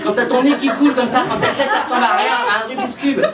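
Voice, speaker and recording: A man doing a stand-up routine, telling stories in an animated way and speaking to audience members, recorded live from a far mic. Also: very high voice, fast talker, a loud crowd. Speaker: stand-up comedian. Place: live stage with audience laughter. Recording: echoey room, far mic, loud noise.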